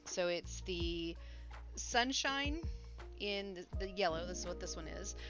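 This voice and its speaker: A woman's voice: fairly low pitch, animated, measured pace. A woman chatting casually as a crochet livestream host, talking a little funny through sinus congestion and a sore, swollen mouth. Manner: slightly impeded speech from a swollen, sore mouth. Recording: dull, lo-fi sound with faint music.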